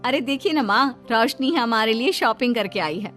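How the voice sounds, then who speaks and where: A woman playing a sly, teasing elder sister-in-law in a cartoon story, her voice bright and lively, swinging up and down as she schemes sweetly. Faint music plays behind her. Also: a little high, normal speed. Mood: sly cheerful.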